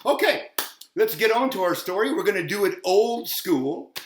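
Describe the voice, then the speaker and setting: A man's voice: sits high, expressive, normal speed, slight background noise. A man hosting a children's show, chatting playfully with lots of giggles and reading a storybook aloud. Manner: giggly, talks to kids. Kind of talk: playful kids' show chat and read-aloud. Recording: roomy echo, faint music.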